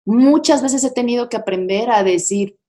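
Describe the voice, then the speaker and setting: A woman's voice: a little high, normal speed, dark tone. Candid middle-aged woman sharing testimony. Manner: candid, confiding, chatty with many fillers. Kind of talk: personal testimony talk.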